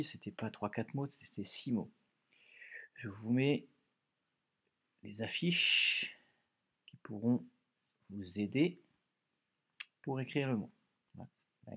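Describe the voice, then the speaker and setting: A man teaching, giving a dictation to young pupils, speaking slowly and stressing each dictated word clearly. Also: fairly low pitch.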